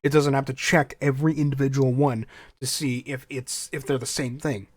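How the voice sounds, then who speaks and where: This solo podcast rant comes from a young host with a mid-range, slightly rough voice, fairly even intonation and a moderate pace. He's casual and opinionated, keeps restarting phrases, sounds scratchy and stuffy from a cold, and there's no room sound.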